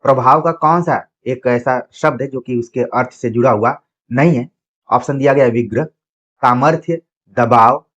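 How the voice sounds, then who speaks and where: A man coaching students for a Hindi exam. He reads each question and its options slowly, then explains the answer patiently and speaks to the students directly. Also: medium pitch. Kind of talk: exam practice lecture.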